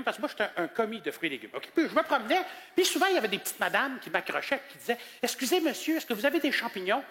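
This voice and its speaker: High, animated Québécois stand-up comic. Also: male voice. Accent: Québécois French. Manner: animated, acts out customers in high voices. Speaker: stand-up comedian. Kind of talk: stand-up comedy routine. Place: comedy gala stage. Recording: live hall reverb, faint noise.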